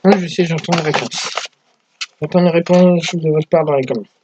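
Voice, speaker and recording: A man's voice: fairly high pitch, moderate pace, noisy background. A young man in his teens hosting a casual unboxing vlog for his gaming channel, chatty and self-mocking. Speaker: gaming YouTuber.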